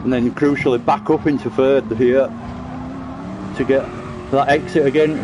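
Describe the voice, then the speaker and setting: A man's voice: medium pitch, steady tone, normal speed, muffled recording, noisy background. A man casually commenting on his own sim racing laps on a live stream, chatty and self-deprecating, a little out of breath. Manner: chatty, self-deprecating, explains driving technique.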